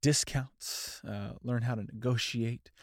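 A man in his thirties talks slowly on his own podcast, with a medium pitch and a steady tone. His casual solo delivery is loose, self-deprecating, and unscripted in one take, and he sounds a little congested and nasal. The clean studio recording has no room sound.

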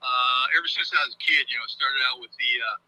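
Older male guest on speakerphone, very bright tone, halting and hesitant delivery. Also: medium pitch, low-quality recording. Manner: halting, many ums and uhs. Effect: heard over a speakerphone. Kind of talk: casual interview talk.

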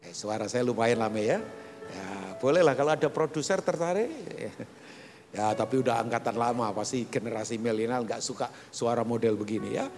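A middle-aged male pastor with a Jakarta Indonesian accent, preaching a joking, lively sermon in a large church hall. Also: normal speed. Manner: animated and joking, pitch leaping up for emphasis. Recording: reverberant church hall with soft music.

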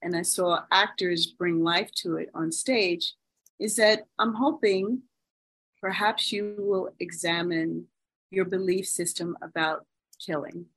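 A woman's voice: fairly low pitch, steady tone, slow, fairly bright tone, breathy edge, low-quality recording. A woman playwright, a guest in a casual discussion, who asks pointed, provocative questions.

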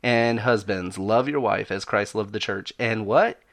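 A man's voice: fairly low pitch, a little slow. Emphatic American man hosting a podcast. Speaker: podcast host.

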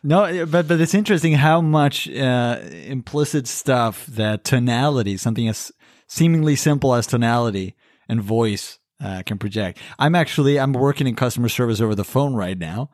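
A man hosts a podcast in a loose, animated way and swears now and then. His voice is at an average male pitch. The recording is dry and close. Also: moderate pace, no echo. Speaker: podcast host. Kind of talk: casual podcast conversation.

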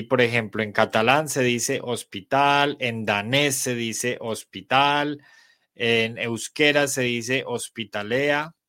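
A man leads a live-streamed English lesson. His voice sits at an ordinary middle pitch, and he explains words patiently, often pausing to correct himself. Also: a bit bright. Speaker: English teacher. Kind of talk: live-streamed online class.

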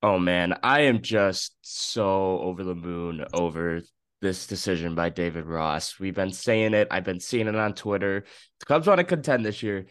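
Young dude on a sports podcast, kinda low voice, fired up with opinions, just woke up. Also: male voice, moderate pace, smooth, no echo, clean studio sound. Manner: excited, opinionated. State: just woken up, morning voice. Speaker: podcast co-host. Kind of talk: casual sports podcast chat.

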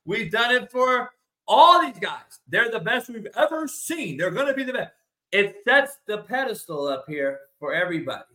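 Man, bright punchy voice, lively pitch, loud opinionated ribbing, blunt, profane, casual sports debate. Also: normal speed, rough recording. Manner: blunt, emphatic, repeats points for effect. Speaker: sports talk show host.

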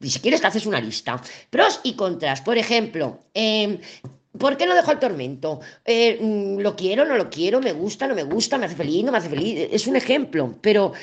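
A woman gives a casual daily tarot reading with a very animated voice that swings up and down. She talks frankly and chattily to the listener. She often trips over her words and laughs it off. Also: mid-range voice, moderate pace, breathy edge. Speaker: tarot reader.

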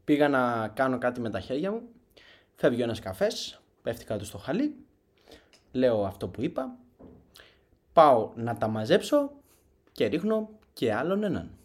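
A young man telling comic stories and acting out the people in them in his own lively way. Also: mid-range voice, long pauses. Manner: lively, acts out quotes in other voices. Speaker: stand-up comedian. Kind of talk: comic storytelling.

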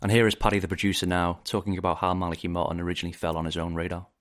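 A man in his forties with a Liverpool accent, a film director hosting a podcast in measured, reflective narration. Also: sits low, level tone, fairly bright tone. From England.

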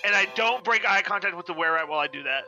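A man's voice: high-pitched, expressive, very fast, bright, forceful tone, faint music behind. A man playing a tabletop role-playing game, bantering casually and describing what his character does.

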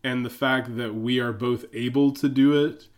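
Easygoing pastor co-hosting a chat. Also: male voice, mid-range voice, fairly even intonation. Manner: halting, restarts, easygoing and playful. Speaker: pastor and podcast co-host. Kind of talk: casual chat.

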